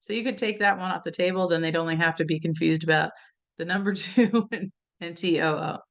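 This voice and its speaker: A woman's voice: fairly low pitch, fairly quick, highs cut off. A woman presenting an educational webinar, talking conversationally with many "right?" and "you know" asides. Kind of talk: informal teaching talk.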